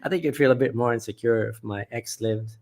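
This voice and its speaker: Reading out viewer comments during a casual live chat on his channel, a host from England answers each with matter-of-fact, blunt opinions. His middling-pitched voice is a little mellow, and his everyday conversational delivery is brisk.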